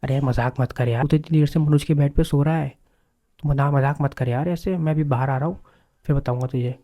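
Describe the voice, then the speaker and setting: Man reading nervous young lad, plain mellow voice, everyday tone. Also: on the high side, brisk. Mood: scared. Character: scared young male student in hostel.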